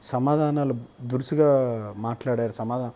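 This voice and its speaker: Dark-voiced probing male interviewer. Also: medium pitch, fairly even intonation, normal speed. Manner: probing, many short acknowledgements. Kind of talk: interview questions.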